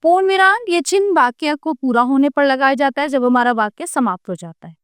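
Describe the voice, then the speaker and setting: A woman teacher giving a gentle children's grammar lesson, speaking directly to the kids and asking them questions. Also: high-pitched, animated, a little fast, no room sound, clean studio sound.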